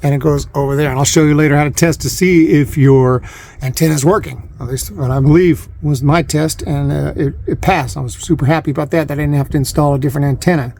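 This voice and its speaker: Around a parked van, a man films a casual how-to, explaining a DIY install in a loose, repetitive way. His voice is a little high yet dark in tone, steady and quick, and the handheld recording is noisy and clicky.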